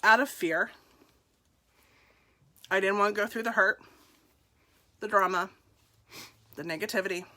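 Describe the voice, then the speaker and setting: A woman's voice: medium pitch, measured pace, long pauses, pushed and bright. A woman in her forties telling her personal story to the camera, candid and self-deprecating, laughing often. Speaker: nurse and direct seller.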